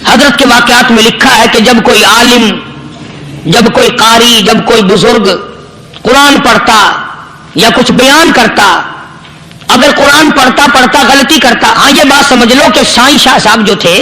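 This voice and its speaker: A man's voice: very high voice, reverberant, a crowd in the background, low-quality recording. A man preaching a sermon, telling a story with rising, emphatic repetition.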